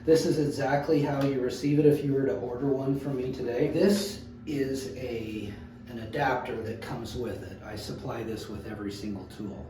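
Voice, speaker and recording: Guy doing a plumbing how-to, careful and unhurried, echoey bathroom, kinda far from the mic. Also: mid-range voice, fairly even intonation. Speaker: plumber presenting a tool tutorial. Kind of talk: instructional how-to video, informal demonstration. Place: tiled home bathroom, indoors. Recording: echoey bathroom, distant mic, background noise.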